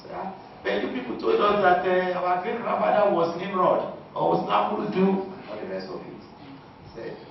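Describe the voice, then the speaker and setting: A man's voice: high-pitched, fairly even intonation, moderate pace. A man giving a lecture, answering audience questions and stressing his points one after another. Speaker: guest lecturer. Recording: echoey hall, distant lo-fi mic with noise.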